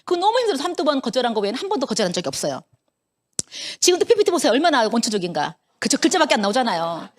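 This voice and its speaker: A woman in her fifties, a network marketing business leader, gives a motivational talk in a rapid-fire, slightly high voice with a Korean Busan-area accent. She's an animated storyteller who acts out the dialogue in her stories.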